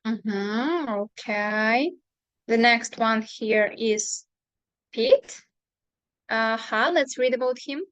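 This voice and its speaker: A woman teaching an English class online, speaking slowly and hesitantly with many fillers. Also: a little high, fairly bright tone, no echo, dull audio. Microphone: computer mic on video call.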